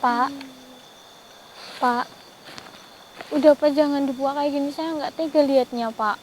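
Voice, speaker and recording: Woman, high voice, gentle pleading, soothing and persuasive, faint crickets outdoors. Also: fairly even intonation, unhurried, a little hiss or hum, rough recording. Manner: gently pleading, repeats "Pak" often. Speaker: paranormal investigator. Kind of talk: vlog. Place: outdoors in a forest at night.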